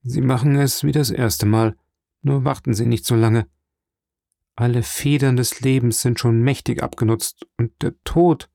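A man voicing a dying old priest in an audiobook, slow, earnest and fatherly, weak and failing. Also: medium pitch, steady tone, creaky, warm tone, no echo, studio quality. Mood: instructing. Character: dying old male priest, gentle and solemn. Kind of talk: audiobook character reading.

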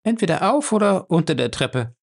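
A man voicing a calm, firm young woman in an audiobook who speaks with cool sarcasm. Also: on the high side, moderate pace, vocal fry, voice pushed up, heavily acted. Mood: cool ironic.

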